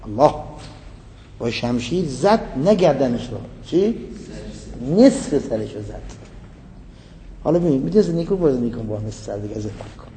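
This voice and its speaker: A man's voice: mid-range voice, animated, long pauses, warm tone. A male preacher giving a dramatic sermon, quoting verses and explaining them line by line. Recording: echoey hall, faint noise.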